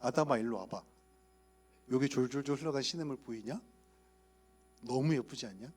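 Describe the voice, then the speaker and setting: A man voicing God as a warm, fatherly figure who coaxes and shows things with affection. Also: medium pitch, moderate pace, soft background music, lightly acted. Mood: fond. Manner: affectionate and coaxing. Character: warm fatherly God, gently showing creation.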